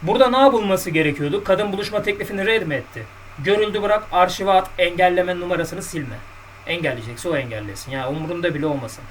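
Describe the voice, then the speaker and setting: A man's voice: high voice, quick pace, far from the mic, slight background noise, low-quality recording. A man coaching on dating in a casual podcast monologue, blunt and colloquial, lecturing his listeners directly.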